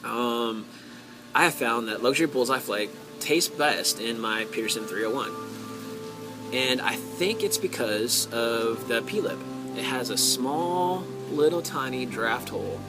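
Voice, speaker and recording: An American man talking casually to his viewers as a hobby vlogger, in a halting way, thinking aloud with drawn-out pauses. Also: mid-range voice, expressive, music in the background. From United States. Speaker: pipe-hobby vlogger and host. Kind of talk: casual solo talk to viewers.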